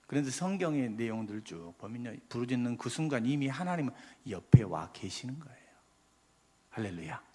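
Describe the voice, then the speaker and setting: Male pastor, church sermon, husky voice, long reverb of a sanctuary, impassioned delivery with sudden drops to soft. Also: medium pitch, big pitch swings, a little fast. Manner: impassioned preaching, rising loud then dropping soft.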